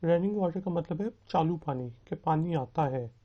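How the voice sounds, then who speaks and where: A man teaching a recorded beginners' language lesson. He patiently drills phrases slowly and asks learners to repeat after him. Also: on the high side. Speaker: spoken English teacher. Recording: dull, lo-fi recording.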